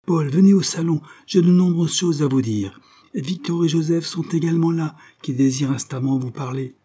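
A man's voice: fairly high pitch, normal speed, mellow, breathy edge, pitched above the performer's own voice. A man voicing a stern, scheming middle-aged headmistress in an audiobook, speaking insistently. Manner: insistent, coaxing then threatening. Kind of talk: audiobook character voice.

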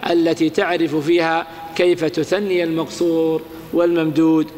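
A man teaching an Arabic grammar lesson, asking his listeners rhetorical questions and reciting lines of verse slowly. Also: a little high, level tone, darkish tone, long reverb tail.

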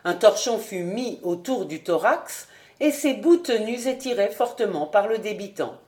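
A woman narrating a literary audiobook in a measured, clear reading voice. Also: medium pitch, expressive, warm tone. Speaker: audiobook reader.

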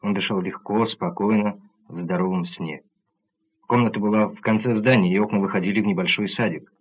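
Husky low man narrating an audiobook. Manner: even, measured first-person storytelling. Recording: tinny narrow-band audio.

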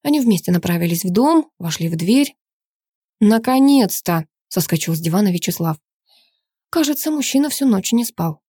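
A woman's voice: mid-range voice, brisk, slightly rough, no echo, clean studio sound. A woman narrating a novel chapter as an audiobook, reading the dialogue with feeling. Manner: voices all characters in one expressive reading. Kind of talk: scripted narration with acted dialogue.

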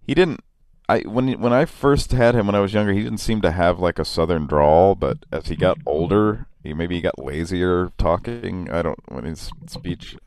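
Man, very low voice, slight Oklahoma drawl, loose laughing storyteller, dry sound. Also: normal speed, darkish tone, dry recording. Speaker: podcast co-host. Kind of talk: casual chat. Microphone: video call.

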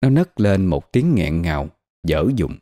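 A man giving scripted horror narration in a dramatic, expressive way. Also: sits low, unhurried.

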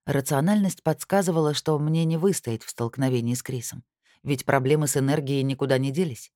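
A woman's voice: extremely low pitch, brisk, dark tone, dry recording, studio quality. A woman reading a first-person fantasy audiobook, narrating expressively. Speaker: audiobook reader.

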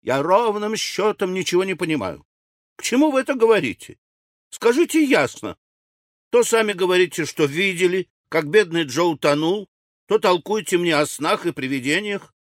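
A male audiobook reader voicing a fussy, anxious older widow who talks in a shrill, excitable way. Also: a little slow, no echo, clean studio sound. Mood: agitated. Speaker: audiobook character. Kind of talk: audiobook character reading.

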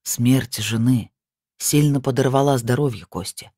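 A narrator voicing a calm, stern male medium who speaks slowly and gravely. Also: medium pitch, no room sound, clean studio sound.

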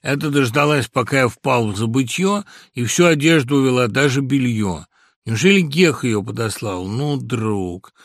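A brash, scheming man, as a male narrator puts him on, talks in a raised, pushy voice full of self-importance. His tone swings widely and carries a gravelly rasp. The sound is close and dry, with no room around it. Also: medium pitch, animated, moderate pace, no room sound. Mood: panicked. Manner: loud, blustering, then pompously commanding. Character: brash scheming man, suddenly grand and bossy.

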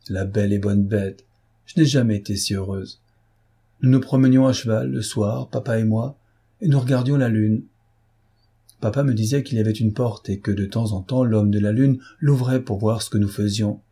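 A man reading an audiobook, voicing a quick-witted, mocking young woman in a raised, teasing tone. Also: medium pitch, warm tone, husky.

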